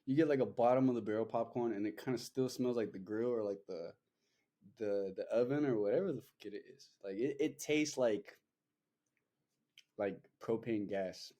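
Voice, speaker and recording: A man's voice: fairly low pitch, normal speed, dark tone. A young man hosting a podcast, chatting loosely and rambling with lots of fillers and swearing. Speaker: podcast host. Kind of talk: casual chat.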